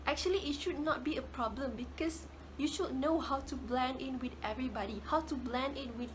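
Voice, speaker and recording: A young woman with a Malaysian English accent gives a casual class presentation, her high voice moving fairly quickly over a faint hiss or hum. She often repeats words while searching for the right phrasing.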